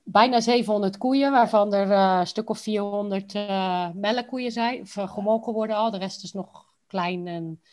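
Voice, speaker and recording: A woman's voice: medium pitch, normal speed. Informal woman with a Rotterdam accent. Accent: Rotterdam Dutch. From Rotterdam, Netherlands. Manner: informal and colloquial. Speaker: interview guest. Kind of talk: casual conversational interview answers.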